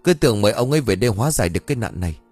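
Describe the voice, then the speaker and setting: A man's voice: on the low side, lively intonation, rapid-fire, a little mellow, slightly rough, soft background music. A man voicing a greedy young husband who is defiant and scheming, talking brusquely and defensively.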